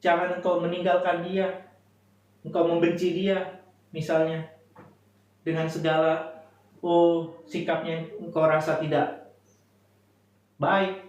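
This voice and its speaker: A young man preaching a devotional sermon with fervent exhortation, then praying in a hushed voice. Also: a little high, flat delivery, slow, pauses often, dull audio. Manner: fervent, exhorting, calls out hallelujah; hushed, quiet when praying. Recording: very echoey room.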